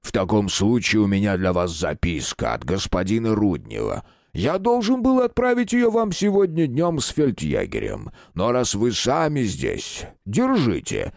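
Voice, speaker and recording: A man voicing a polite, portly elderly gentleman over 60 who speaks courteously. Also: on the low side, huge pitch swings, unhurried, few pauses, dry recording, clean studio sound, full character voice. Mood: polite, concerned.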